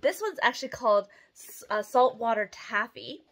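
A woman's voice: on the high side, normal speed, slight background noise. A woman chats casually and expressively to the camera in a small room at home. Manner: chatty, expressive. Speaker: host of a candle review video, mother.

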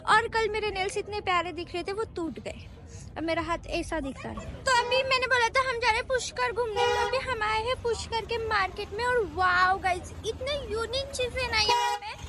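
A young woman from India talking to her phone camera in a chatty, playful, self-mocking way, loud and fast while walking through a market. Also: very high voice. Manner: talks loud and fast over traffic in the market. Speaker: vlogger. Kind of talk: casual travel vlog. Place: outdoor market street. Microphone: handheld phone camera. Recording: traffic noise behind.

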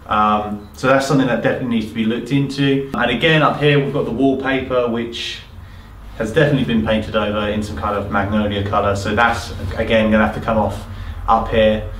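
A man's voice: on the low side, steady tone, brisk, a bit bright, slight background noise. A man in his thirties from the UK, casually walking through an empty house he is renovating and thinking aloud with lots of ums. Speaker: property renovator. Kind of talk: casual walkthrough vlog. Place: empty house, bare indoor rooms. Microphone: camera mic at a distance. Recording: echoey empty rooms, slightly distant mic.

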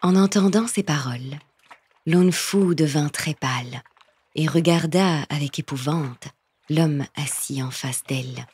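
A woman narrating a literary tale in a slow, hushed, tender reading. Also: deep voice, breathy edge.

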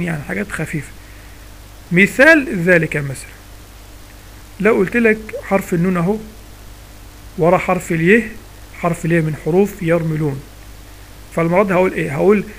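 Egyptian guy explaining a lesson, kinda gravelly, answers his own questions, faint hiss on the tape. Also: high-pitched, fairly bright tone. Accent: Egyptian Arabic. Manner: explains step by step, asks himself questions and answers them. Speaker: Quran recitation teacher. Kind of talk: informal spoken lesson.

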